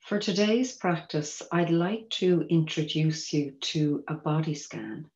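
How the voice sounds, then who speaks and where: A mindfulness teacher with a low voice guides a body scan meditation, her instructions gentle, measured and invitational. The audio sounds dull and muffled, with a roomy echo.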